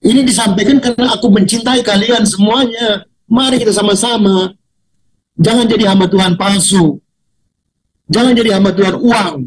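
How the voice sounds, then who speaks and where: An older man preaching a sermon over a video call, swinging from loud, mocking highs to low, quiet asides. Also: normal speed, low-quality recording. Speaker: pastor.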